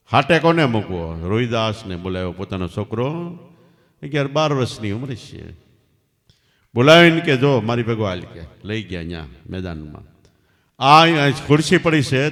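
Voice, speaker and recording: Emphatic man preaching. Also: medium pitch. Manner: emphatic, rising and falling sharply in loudness. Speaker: spiritual teacher. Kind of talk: devotional storytelling sermon. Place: large hall at night satsang. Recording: long hall reverb.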